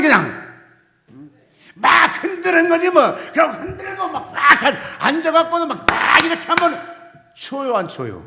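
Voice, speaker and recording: An older man, a pastor, preaching an animated storytelling sermon in a church, swinging between shouts and low asides. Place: church sanctuary. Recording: church hall with long reverb.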